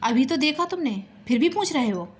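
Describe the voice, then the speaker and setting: A woman voicing a playful, teasing young woman in a spoken love story, in a fairly high voice. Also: animated, moderate pace. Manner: cheeky, teasing.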